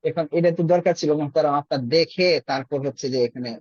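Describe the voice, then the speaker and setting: A man's voice: on the high side, fast talker, a little mellow, no echo, lo-fi sound. A man teaching Arabic in an online class, explaining patiently with everyday examples. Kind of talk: online class over a group call.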